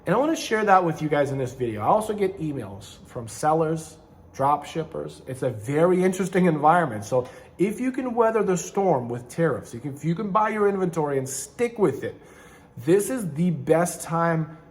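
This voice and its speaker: This sing-song, higher-pitched male voice moves at normal speed. It belongs to a middle-aged man from Ukraine, a channel host, online seller and manufacturer, who chats to camera in a meandering way with frequent restarts and self-corrections.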